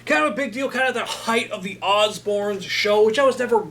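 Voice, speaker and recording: A man's voice: sits high, brisk, a bit bright, far from the mic. A man hosting a casual talk about old albums, enthusiastic and rambling with lots of fillers. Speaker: host.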